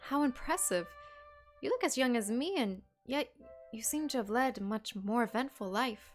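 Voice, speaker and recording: A woman's voice: fairly high pitch, expressive, normal speed, lightly acted. A woman voicing a young, newly crowned empress who is curious and proud, over faint game music. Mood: polite.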